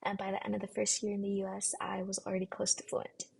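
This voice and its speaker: Young female applicant from the Philippines, earnest and formal; flat, monotone pitch with a deep gravelly rasp. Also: quick pace. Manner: earnest, formal, rehearsed delivery. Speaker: nursing program applicant. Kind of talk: prepared interview answers.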